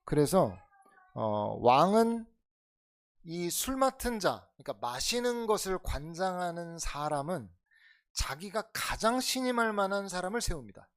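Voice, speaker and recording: 교회에서 강해설교를 하는 남자 목사로, 청중에게 질문을 던지며 대화하듯 설교하고, 크게 강조하다가 낮게 속삭이듯 말하기를 오간다. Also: male voice, very animated, a little slow. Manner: conversational preaching with rhetorical questions to the congregation; swings between loud emphatic lines and soft low asides. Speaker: pastor. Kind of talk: expository sermon.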